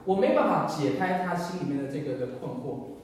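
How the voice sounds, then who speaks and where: A man's voice: fairly high pitch, expressive, fairly quick, darkish tone. A man preacher giving an earnest, emotional testimony as part of a sermon. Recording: echoey church hall, mic far off.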